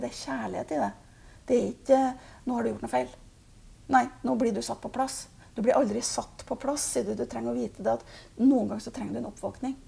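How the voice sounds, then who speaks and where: A woman giving a spiritual reading, speaking calmly and haltingly with many fillers. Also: a little high, vocal fry, slightly rough. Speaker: intuitive reader.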